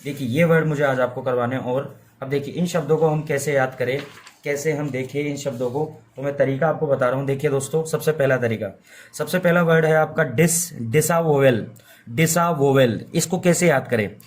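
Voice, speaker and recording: Chatty teacher drilling word tricks. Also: male voice, mid-range voice, moderate pace. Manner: repetitive, asks questions and answers them himself, playful mnemonics. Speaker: vocabulary teacher. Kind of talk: informal Hindi-medium lesson.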